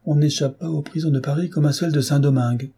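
Brooding old nobleman consumed by decades of hatred, read by a man. Dark, husky timbre, bitter and declamatory, in the measured cadence of an audiobook. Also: a little high, fairly even intonation, pitched above the performer's own voice. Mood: grim. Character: bitter vengeful older Spanish nobleman, brooding. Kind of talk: audiobook reading.

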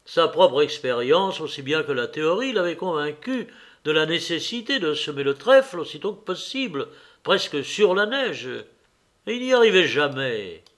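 Male audiobook narrator, somewhat high voice, measured, literary reading. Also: big pitch swings, a bit bright. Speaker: audiobook reader. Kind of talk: scripted narration.

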